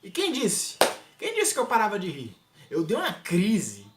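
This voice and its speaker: A man's voice: high voice, normal speed. A young man telling a comic personal anecdote, acting out scenes and laughing as he goes. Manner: animated, laughs through the story, acts out scenes. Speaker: storyteller vlogger. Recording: roomy echo, faint noise.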